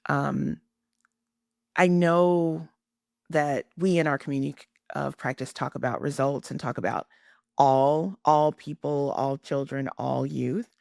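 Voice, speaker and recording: A woman's voice: a bass voice, steady tone, unhurried, gravelly, darkish tone, no echo, studio quality. A woman hosting a podcast interview, friendly and encouraging. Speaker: podcast host.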